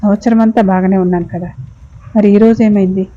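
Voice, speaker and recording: A woman's voice: medium pitch, fairly even intonation, fairly quick, mellow, lo-fi sound, close to an everyday voice. A woman reading as a brooding young husband.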